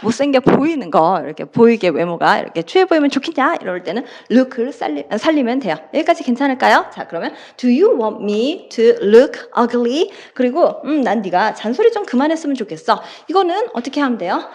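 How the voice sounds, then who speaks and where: A woman's voice: sits high, very animated, fast, few pauses. A woman with a Korean accent teaching an English lesson, explaining step by step and acting out short dialogue lines. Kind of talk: recorded classroom lecture.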